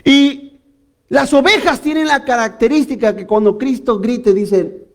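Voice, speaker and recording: High-voiced man preaching with animated energy. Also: measured pace. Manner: animated preaching with frequent audience prompts. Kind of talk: sermon.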